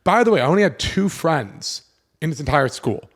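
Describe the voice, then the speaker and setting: A man's voice: on the high side, big pitch swings, moderate pace. A young man from South Florida hosting a podcast, telling a story from his school years in casual chat, swearing freely and acting out his younger self. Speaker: podcast host.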